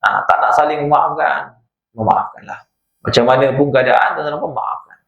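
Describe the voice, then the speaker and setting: This religious teacher, a man with a Malaysian Malay accent, gives an evening lecture in a madrasah prayer hall, telling stories and tossing rhetorical asides to his listeners. His voice is on the high side and slightly bright, with a steady tone, normal speed, and vocal fry. The recording of the echoey hall sounds dull.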